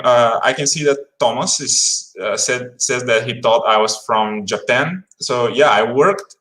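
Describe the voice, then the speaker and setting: Soft-spoken Bulgarian-born man on a call. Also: mid-range voice, low-quality recording. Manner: hesitant, many fillers and restarts, polite. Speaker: guest speaker. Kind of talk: casual livestream talk.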